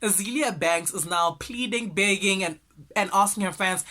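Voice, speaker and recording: South African male host, bright forceful voice, gossipy news chat. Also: sits high, normal speed. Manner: chatty, animated, gossipy asides. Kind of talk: casual celebrity news commentary.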